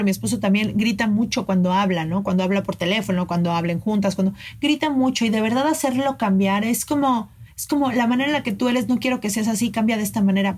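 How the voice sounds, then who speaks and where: A woman's voice: on the high side, a little mellow. A middle-aged woman, hosting a podcast and giving earnest relationship advice straight to her listeners. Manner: earnest, coaching, addresses listeners directly. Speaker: podcast host.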